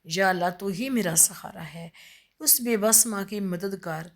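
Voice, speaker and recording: A woman voicing a gentle, devout young mother who speaks softly and coaxingly. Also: mid-range voice, close to an everyday voice. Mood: pleading prayer. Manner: soft, pleading, coaxing.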